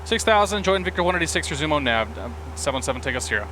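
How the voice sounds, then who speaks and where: A man making crisp, clipped pilot radio calls into a headset mic in a flight simulator. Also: on the high side, very animated, racing, sharp tone, a little hiss or hum. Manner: crisp, clipped aviation phraseology. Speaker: flight sim streamer playing a pilot.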